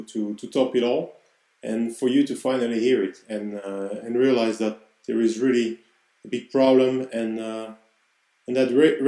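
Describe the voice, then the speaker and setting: A man in his thirties from Cameroon speaks in an earnest, reflective podcast monologue. His voice is mellow and warm, and he pauses to search for words. The room around him sounds roomy and echoey. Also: mid-range voice. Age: 30s. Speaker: podcast host.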